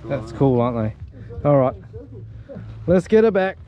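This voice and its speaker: A man's voice: mid-range voice, big pitch swings, measured pace, dull audio, crowd noise. An Australian man hosting a fishing video, chatting casually on a jetty at night. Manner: laid-back, chatty, says "mate". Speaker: fishing channel host. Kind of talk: casual chat while fishing. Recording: outdoor noise behind.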